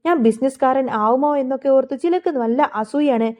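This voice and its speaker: A proud young businessman, self-assured and mocking toward his rivals, as a woman storyteller voices him. The tone stays high and mellow. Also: moderate pace, close to an everyday voice. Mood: confident.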